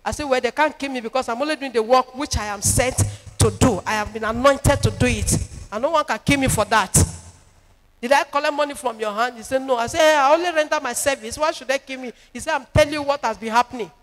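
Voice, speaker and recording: A woman's voice: sits high, fast talker. A woman with a Nigerian English accent preaching a sermon as a prophetess, emphatic and repetitive with sing-song rises. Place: church. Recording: long reverb in a church hall with music.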